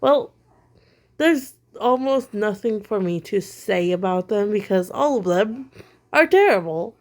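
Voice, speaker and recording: At home, a woman working as an online commentator gives blunt, critical opinions packed with fillers. She's a little sick and her throat still bothers her. Her voice is medium-pitched, expressive and unhurried.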